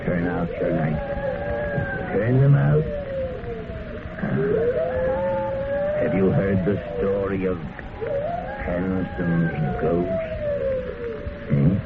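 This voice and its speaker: An actor playing a sinister old male hermit who tells ghost stories, in 1940s radio horror acting, with slow drawn-out words, sudden shouts and cackles. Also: low voice, narrow, tinny audio, heavily acted. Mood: menacing. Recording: old radio broadcast with loud music and noise.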